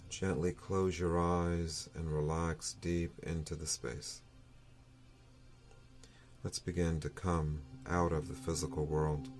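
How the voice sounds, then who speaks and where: A man with a very low voice guides a breathing meditation. He speaks very slowly and soothingly, leaving long, unhurried pauses between short phrases. Faint music plays behind his voice. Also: level tone, a little mellow. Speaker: meditation teacher.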